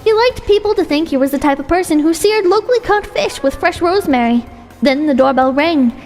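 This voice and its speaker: High-voiced woman narrating a story. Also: lively intonation, brisk, darkish tone. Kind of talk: expressive short-story narration. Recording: long hall reverb with music.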